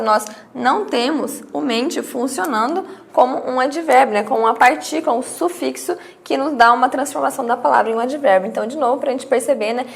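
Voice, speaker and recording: A woman's voice: on the high side, gravelly. A woman teaching a grammar lesson, explaining step by step with rhetorical questions and acting out her students' questions.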